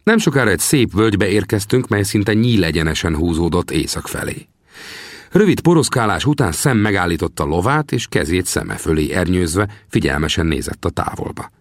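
A man giving scripted audiobook narration in a lively storytelling manner. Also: sits low, dry recording, clean studio sound.

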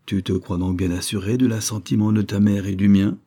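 A man voicing a kind, patient father in an audiobook, speaking calmly with a gently teasing tone. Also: fairly low pitch, brisk, close to an everyday voice. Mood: gently amused.

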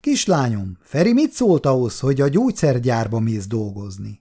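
A man reading a story aloud and voicing a calm, kindly older father who speaks in a mild manner. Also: mid-range voice, voice pushed down.

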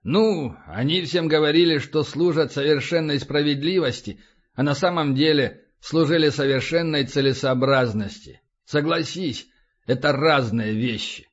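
Male reader doing a blunt veteran soldier, gruff and curt, a bit high, muffled lo-fi recording. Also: normal speed, lightly acted. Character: tough, weary adult male special-forces soldier.

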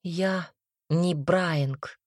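A woman's voice: medium pitch, expressive, moderate pace, a little mellow, slightly rough, no echo. A woman voicing a proud young noblewoman mage who answers with dry, caustic retorts.

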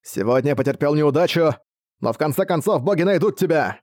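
A man's voice: a little high, expressive, fairly quick, darkish tone, no room sound. A man voicing a zealous male cult assassin who declaims his god's will, raising his voice, in a dry recording. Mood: fanatical. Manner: declaiming, fanatical.

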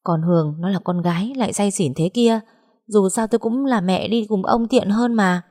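A woman's voice: medium pitch, moderate pace, voice pushed up, close to an everyday voice. A woman voicing a worried, protective middle-aged mother in an audio story. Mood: pleading. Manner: pleading, sharp-tongued.

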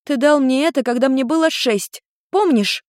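A high, bright-voiced teenage girl, as a woman voices her in an audiobook, indignant and quick to pile up questions. The recording is dry and close, with no room sound around the voice. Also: dry recording, close to an everyday voice. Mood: earnest. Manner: indignant, rapid-fire questioning. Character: feisty teenage girl searching for her father. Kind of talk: audiobook character voice.

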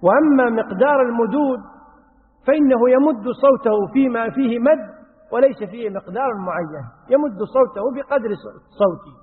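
A man's voice: very high-pitched, animated, long reverb tail, narrow, tinny audio. A man teaching Islamic jurisprudence, answering questions one by one and chanting examples from the call to prayer. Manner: reads questions aloud then answers, demonstrates the call to prayer in a drawn-out chant. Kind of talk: religious Q&A lesson.

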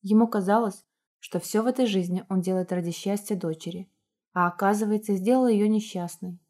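A woman narrating an audiobook at a mid pitch for her sex, steady and even. Her reading is plain and unhurried. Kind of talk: reading a romance novel aloud.

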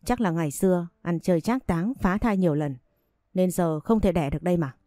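A woman reading aloud as a spiteful mother-in-law in a storybook reading, tearing into her son's wife with insult after insult, her voice low and mellow with no room sound around it. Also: a little fast, no echo, close to an everyday voice. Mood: scornful, scolding. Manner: shrill insulting scolding. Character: harsh scornful older mother-in-law, domineering woman.

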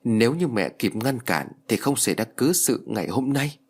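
A man's voice: mid-range voice, expressive, normal speed, breathy edge. A man voicing a grieving, stern old mother-in-law in an audiobook ghost story. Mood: lamenting. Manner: heavy, lamenting storybook dialogue.

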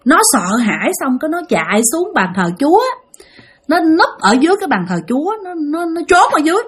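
A woman's voice: high-pitched, sing-song, brisk. A woman with a Southern Vietnamese accent telling a ghost story, chatty and speaking straight to her listeners. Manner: chatty, addresses listeners directly.

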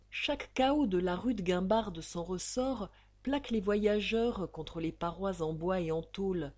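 A woman reading a serial novel aloud in a slow, expressive, dramatic way, lingering on emotional phrases. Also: mid-range voice. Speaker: audiobook reader.

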